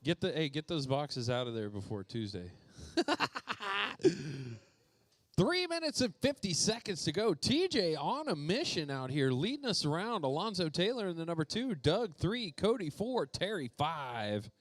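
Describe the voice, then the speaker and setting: A man's voice: fairly high pitch, sing-song, normal speed, dry recording, clean studio sound. A man doing playful live commentary at an indoor RC racetrack, calling out drivers by name. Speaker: RC race announcer.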